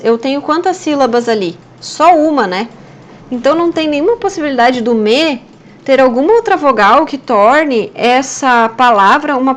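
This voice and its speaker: Patient woman teaching grammar. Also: high voice. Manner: patient, checks in often with "né?" and "certo?". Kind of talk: explaining grammar over slides.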